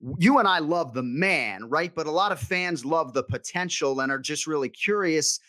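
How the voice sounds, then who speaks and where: A man co-hosting a sports podcast, joking and teasing in quick casual banter. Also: fairly high pitch, animated, sharp tone, no room sound. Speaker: podcast co-host.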